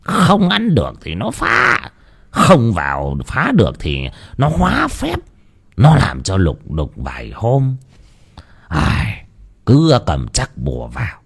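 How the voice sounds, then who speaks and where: A man voicing a calm village exorcist who reassures in a slow, low voice. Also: creaky, slightly rough, exaggerated voice.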